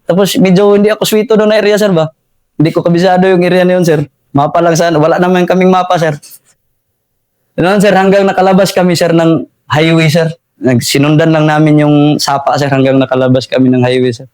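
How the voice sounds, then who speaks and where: A young soldier with a Filipino accent and a fairly high voice recounts his escape in a casual interview. He adds "sir" after nearly every phrase and chuckles often between sentences. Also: steady tone, fairly quick, darkish tone. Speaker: soldier telling his war story.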